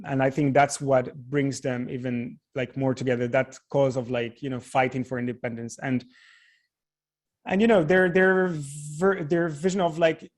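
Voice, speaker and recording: A man's voice: on the high side, a little mellow. Man, thoughtful and hedging. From Morocco. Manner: thoughtful, hedging, many restarts. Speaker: tour guide. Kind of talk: answering questions in a live online session.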